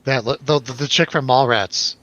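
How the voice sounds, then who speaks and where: A film review show host talks about movies over drinks, rambling casually, telling stories with animation and swearing freely. His mid-range voice moves at a moderate pace with a fairly bright tone, though the audio sounds dull.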